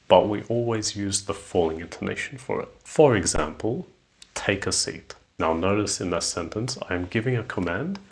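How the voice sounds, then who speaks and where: Deep-voiced man teaching English slowly. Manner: slow, deliberate, stretching example words to show intonation. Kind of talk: scripted English lesson.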